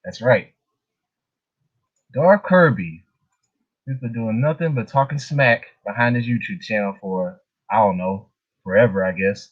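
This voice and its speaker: In a casual live chat, a male host talks with viewers at a measured pace, pausing often, his pitch fairly low. He's informal and chuckles between remarks, and the stream audio is dull and muffled.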